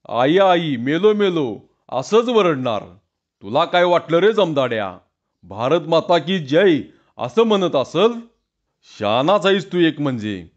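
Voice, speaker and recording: A man doing a gruff bossy village strongman. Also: on the high side, muffled recording. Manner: blunt, commanding.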